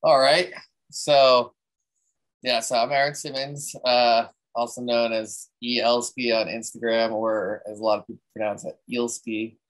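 Relaxed man explaining a photography technique. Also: mid-range voice, moderate pace, rough recording. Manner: relaxed, rambling, many fillers and restarts. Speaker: presenter at a photography talk. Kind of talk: casual technique talk.

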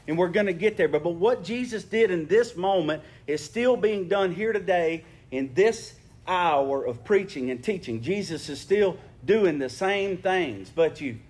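Earnest preacher, fairly high voice. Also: male voice, darkish tone, breathy edge. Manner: earnest and conversational, repeats words when restarting. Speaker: pastor. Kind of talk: sermon with scripture reading and prayer. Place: church sanctuary.

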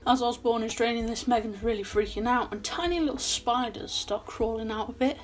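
A woman's voice: fairly high pitch, a little fast, a little hiss or hum. A young woman recapping a horror film in a casual, chatty way with sarcastic asides, filmed in a small bedroom at her desk. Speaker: film reviewer.

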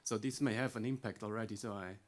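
A man's voice: lowish voice, steady tone, quick pace. A man speaking as a panelist on a conference stage, hesitant and often repeating words. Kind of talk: panel discussion contribution. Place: conference hall stage, indoors.

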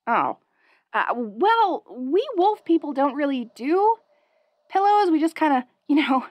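Bubbly young wolf girl, female performer, audio role-play. High, very animated, perky, curious, playful and excitable. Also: no echo. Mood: bubbly, eager.

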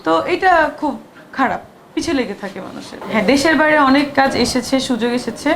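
High-voiced actress with a sore throat. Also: female voice, lively intonation, a little fast, slight background noise. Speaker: film actress. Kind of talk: press interview answers. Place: noisy shooting location.

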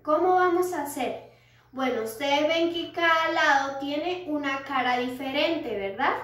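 A woman teaching music to young children, gentle and patient, often checking in with the kids. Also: sits high. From Colombia. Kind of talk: recorded lesson for young children. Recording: echoey room, far from mic.

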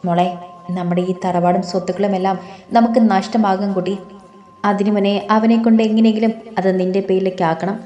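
Woman voicing a coaxing old grandmother, mellow. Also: medium pitch, steady tone, a little fast, roomy sound, close to an everyday voice.

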